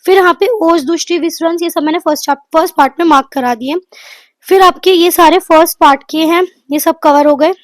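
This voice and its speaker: A woman giving a quick exam revision lecture, running through lists of topics and mixing in English terms. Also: very high voice, no echo. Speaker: exam prep tutor.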